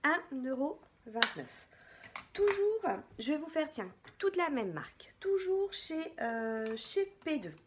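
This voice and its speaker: A woman's voice: high voice, very animated, takes it slowly, slight background noise. A woman beauty vlogger chatting casually through a product haul, chatty and hesitant, with many fillers.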